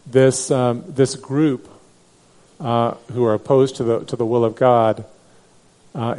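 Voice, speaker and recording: A man's voice: medium pitch, warm tone. A man teaching a Bible class in a conversational way, with many fillers and restarts. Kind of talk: Bible study lecture.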